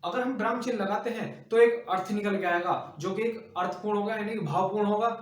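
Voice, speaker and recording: Hindi teacher in an echoey room. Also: male voice, sits high, far from the mic. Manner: explains slowly, repeats example sentences with stretched emphasis. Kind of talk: classroom lecture for exam prep.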